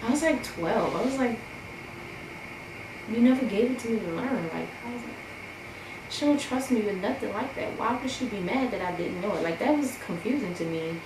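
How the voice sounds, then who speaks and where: Her voice is fairly high and expressive, her pace moderate, as this young beauty vlogger does her makeup and talks through a relaxed get-ready-with-me. Chatty and self-deprecating, she rambles with lots of fillers, and the room is echoey with noise in the background.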